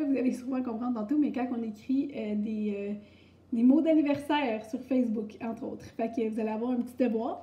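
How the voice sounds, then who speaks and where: A young woman with a Québécois French accent giving a recorded grammar lesson, explaining step by step in a chatty way with many fillers. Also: a little high. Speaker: French teacher. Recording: echoey, muffled room recording.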